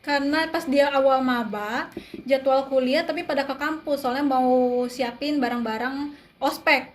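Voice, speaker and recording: A young adult woman co-hosts student radio, chatting casually and directly to listeners at normal speed in a voice that sits high. She tends to repeat her phrases, and the clear recording carries background noise and room ambience.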